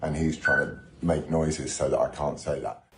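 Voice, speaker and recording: Very deep-voiced man, echoey noisy clip. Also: steady tone, normal speed. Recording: echoey clip with loud background noise.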